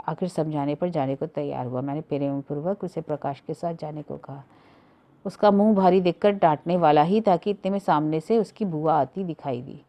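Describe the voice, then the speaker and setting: A woman narrating a literary short story in a measured, even storytelling manner. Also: sits low. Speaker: story reader.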